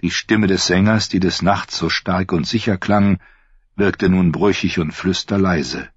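Deep husky male audiobook narrator. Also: a little slow, no room sound, dull audio. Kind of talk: scripted fantasy narration.

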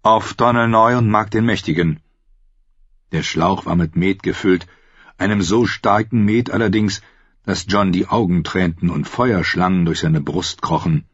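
Husky male audiobook narrator. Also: deep voice, no echo. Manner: lively, expressive reading. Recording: muffled lo-fi recording.

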